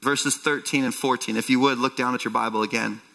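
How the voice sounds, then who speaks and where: A man's voice: mid-range voice, fairly even intonation, brisk, vocal fry, pushed and bright. A man preaching a sermon as pastor at a pulpit microphone, teaching earnestly and quoting scripture. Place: church sanctuary with long reverb. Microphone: speaking at a pulpit microphone. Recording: long hall reverb, faint music.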